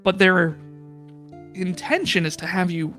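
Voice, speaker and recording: A man's voice: high voice, steady tone, unhurried, sharp tone, soft background music. A man running a tabletop game as game master, rambling and self-deprecating as he thinks aloud. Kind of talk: casual streamed tabletop game chat.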